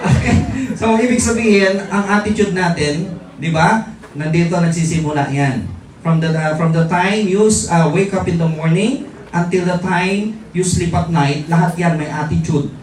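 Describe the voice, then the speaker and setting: A middle-aged man gives a live motivational seminar talk to distributors, teasing and joking with the crowd and asking rhetorical questions. His voice is high-pitched at normal speed, recorded from far off in an echoey, large indoor event hall with faint audience noise.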